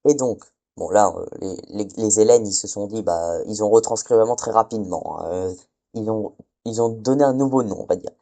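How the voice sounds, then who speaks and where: A man's voice: lowish voice, normal speed, creaky, warm tone. A man giving a casual spoken lesson, hesitant, often stumbling and correcting himself. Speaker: teacher.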